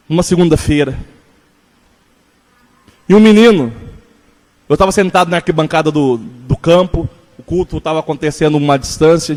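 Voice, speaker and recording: A man preaching a sermon as a pastor, telling a personal story earnestly and slowing down to stress key points. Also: on the high side, a little mellow, long reverb tail. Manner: earnest storytelling, slows for emphasis.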